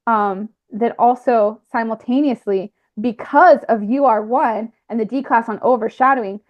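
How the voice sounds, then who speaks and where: A woman talking through a personal spiritual experience in a reflective monologue, pausing and restarting often. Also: on the high side. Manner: halting, with frequent fillers and restarts. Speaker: speaker sharing a personal spiritual account. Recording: slightly muffled lo-fi recording.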